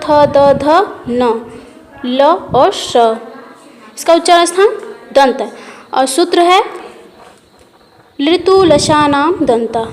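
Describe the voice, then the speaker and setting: Slow, high-voiced woman teaching grammar. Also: long reverb tail, a little hiss or hum. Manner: patient, repeats each point slowly. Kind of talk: classroom grammar lesson.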